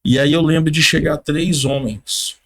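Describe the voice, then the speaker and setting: A man on a podcast giving his personal faith testimony in casual conversation, a lively storyteller who acts out what others said, with informal slang. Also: a little high, a little slow. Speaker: podcast guest.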